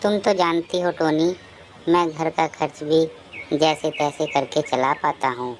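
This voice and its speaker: Brief: gentle, weary male sparrow dad in a cartoon, voiced by a woman, slow, faint hiss. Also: sits low, fairly even intonation. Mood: earnest. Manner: pleading and tearful. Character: grieving male sparrow father, gentle, worn out. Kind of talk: cartoon voice acting.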